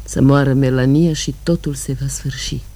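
A woman's voice: extremely low pitch, fairly even intonation. An actress playing a weary woman who tends her sick sister, in a radio drama monologue that swings between cries and whispers. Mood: brooding. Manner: shifts between shouting and whispering.

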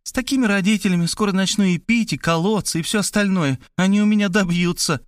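A man's voice: high-pitched, fast talker, no room sound, clean studio sound, pitched above the performer's own voice, lightly acted. A male reader voicing a capricious, cheeky young woman who talks in a whiny, sulky drawl.

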